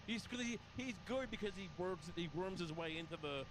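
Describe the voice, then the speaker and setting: A man's voice: high voice, expressive, fairly quick, noisy background. A middle-aged man in casual comedic chat, talking in a rambling, self-deprecating way.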